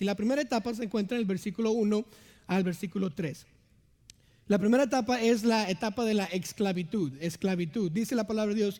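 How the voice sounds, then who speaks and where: A man's voice: high voice, a little mellow. A young man, an assistant pastor, preaching an earnest sermon in a church and often asking his listeners to agree. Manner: earnest, asks the congregation "¿verdad?" often. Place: church sanctuary. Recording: long church hall reverb.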